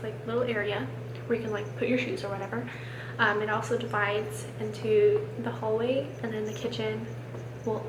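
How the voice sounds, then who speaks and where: A young American woman chatting casually to camera, rambling and self-deprecating, sick with a swollen sore throat and keeping her voice down, sometimes to a whisper. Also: medium pitch. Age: young adult. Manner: hushed, keeping quiet, at times dropping to a whisper. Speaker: vlogger. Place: room at home. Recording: roomy, noisy home camera recording.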